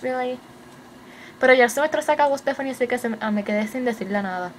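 A young woman with a Puerto Rican Spanish accent, chatting fast and excitedly in a casual video update and slipping English words into her Spanish. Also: on the high side, a little hiss or hum. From Puerto Rico. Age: young adult. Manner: hyper, rapid, mixes English into Spanish. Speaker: vlogger.

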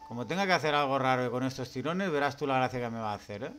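A man's voice: mid-range voice, lively intonation, very fast, a bit bright. Spanish guy from spain streaming a horror game, scared and jumpy, muttering to himself, game music behind him. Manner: scared, jumpy, muttering nervous reactions and exclamations. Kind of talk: casual gameplay commentary. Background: video game music.

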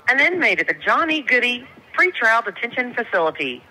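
A woman's recorded announcement heard over a prison phone line, formal and measured. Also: a little high, big pitch swings, sharp tone. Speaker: automated prison phone operator message.

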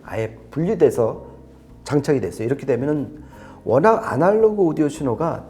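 Speaking at a moderate pace in a slightly high, animated voice with a dark tone, a man walks through audio equipment specs in an unscripted review. He is conversational, explanatory, and emphatic, with faint music in the background.

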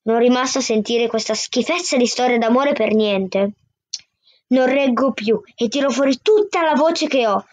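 A woman's voice: a little high, normal speed, no room sound. Woman reading a novel aloud. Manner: steady first-person narration. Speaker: book reader. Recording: dull, dry lo-fi sound.

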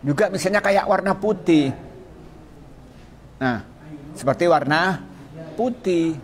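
A man's voice: sits high, takes it slowly. A man from Madura giving a casual religious lesson. He asks his listeners questions, answers them himself, and reads out Arabic quotations. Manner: mixes Arabic quotations into the talk. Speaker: Islamic religious teacher.

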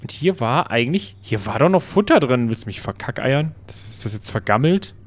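Excitable man doing gameplay commentary. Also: medium pitch, fairly quick. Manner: playful, excitable, talks to the game. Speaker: Let's Play commentator.

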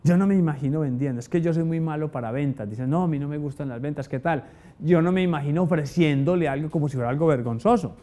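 Speaking quickly in a slightly high voice, a man teaches an audience how to sell, keeping things motivational with lively stories. He regularly throws out rhetorical questions as he goes.

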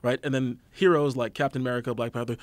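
A man's voice: mid-range voice, no room sound. A man from Canada, an actor, talking casually in a studio interview and demonstrating character voices as he explains his craft. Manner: fast, animated, demonstrates voices while explaining. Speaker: actor and voice actor guest.

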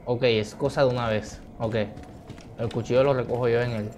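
A man's voice: medium pitch, little pitch movement, normal speed, noisy background. A man giving chatty gameplay commentary as a streamer, thinking aloud. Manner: chatty, thinks aloud, shouts when surprised. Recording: game gunfire behind voice.

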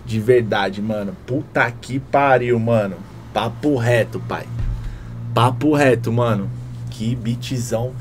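Guy hyped up reacting to rap tracks, slangy, mid-pitched voice, beat playing low underneath. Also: slow, faint music behind. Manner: excited, slangy, keeps saying "mano". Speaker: music reaction host. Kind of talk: casual reaction commentary. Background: hip hop track playing faintly.

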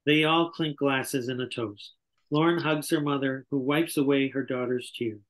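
An older man serves as narrator at a table read held over a video call, reading scripted stage directions from an indoor room. His mid-range voice is steady and moderately paced, captured through the video call microphone.

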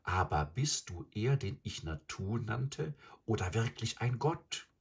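A man's voice: lowish voice, very animated, slow pace, vocal fry, husky, voice pushed up, exaggerated voice. A man voicing a timid gray-haired village mother. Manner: trembling, softly pleading. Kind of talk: audiobook character voice.

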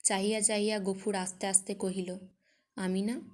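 A woman reading a classic short story aloud in a measured, even way. Her pitch sits in the middle range for a woman. The delivery is that of careful scripted narration. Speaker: story reader.

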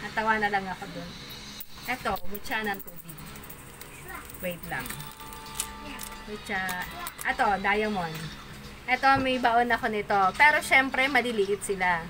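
A woman chatting casually on a live-stream while selling stones and amulets, animated and mocking. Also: mid-range voice, measured pace, long pauses, over music. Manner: animated and mocking, with frequent laughter. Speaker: online seller of stones and amulets. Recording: noisy background.

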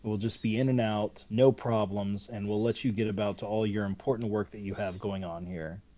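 A man voicing his adventurer character, flattering and placating an imp. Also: on the low side, normal speed, dull audio, lightly acted. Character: smooth-talking male adventurer, flattering.

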